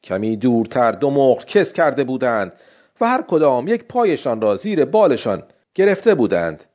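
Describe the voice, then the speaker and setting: A man reading a literary story aloud in steady narration. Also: mid-range voice, muffled recording.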